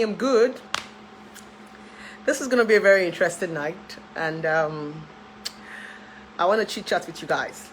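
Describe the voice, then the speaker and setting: Talking to camera in a relaxed way, a relationship therapist in her thirties with a Nigerian accent tells her followers about her life, laughing a lot and switching into pidgin at times. She speaks at a medium pitch. There's slight background noise on this low-quality recording.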